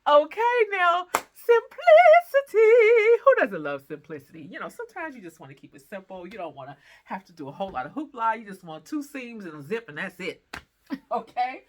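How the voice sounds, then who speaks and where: A middle-aged woman from the American Midwest, chatting excitedly to camera as a sewing vlogger, gushing and quick with asides. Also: medium pitch, a little hiss or hum. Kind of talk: casual chat to camera.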